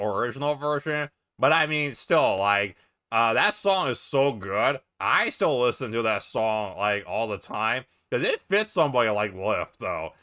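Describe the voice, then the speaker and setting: A man chats casually through unscripted fan commentary. His voice is bright and mid-pitched, and he rambles conversationally. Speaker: guest contributor.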